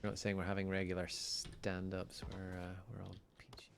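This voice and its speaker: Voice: deep voice, completely flat delivery, normal speed, creaky, smooth. A speedrunner chatting casually during a run, firing back playful, mock-indignant retorts. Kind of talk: casual chat while gaming.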